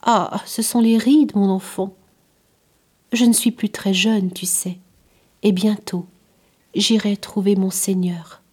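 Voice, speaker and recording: A woman voicing a calm, devout old man in a storybook reading, speaking softly and tenderly. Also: medium pitch, takes it slowly, pauses often, husky.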